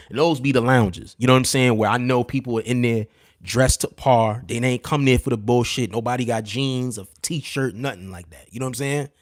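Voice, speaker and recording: A man in his thirties or forties tells stories to a live chat in a casual, animated, streetwise way, with a mid-range voice. He fills his talk with "you know what I'm saying" asides and goes hushed and low when the story turns tense. The sound is close and dry, with no room echo. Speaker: livestream host.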